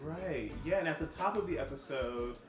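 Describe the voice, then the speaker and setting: A man's voice: fairly high pitch, normal speed. A man hosting a conversational interview, explaining things emphatically as he goes. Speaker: host and writer of the series. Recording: roomy echo with music underneath.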